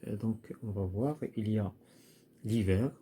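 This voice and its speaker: Slow, hesitant man. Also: on the low side, mellow, a little hiss or hum. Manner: hesitant, repeats words, many fillers. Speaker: primary school French teacher. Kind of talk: recorded lesson walkthrough.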